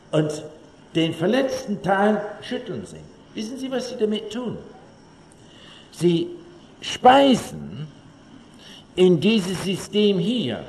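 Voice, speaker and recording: A male lecturer tells humorous stories to a hall full of listeners. His slightly raised voice leaps about lively in pitch. The sound rings around a large reverberant room with faint ambience behind. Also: a little hiss or hum. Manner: animated, humorous storyteller addressing audience. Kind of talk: public lecture with anecdotes.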